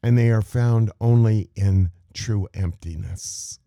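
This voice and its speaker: A man teaching meditation in a contemplative spiritual talk, measured and full of rhetorical questions. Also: on the low side, creaky, mellow, no echo, clean studio sound.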